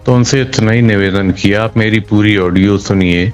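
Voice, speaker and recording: Over soft background music, a man with a fairly low, steady voice responds to an interviewer at a moderate pace. He is a local political party member who speaks casually and frequently repeats phrases to stress them.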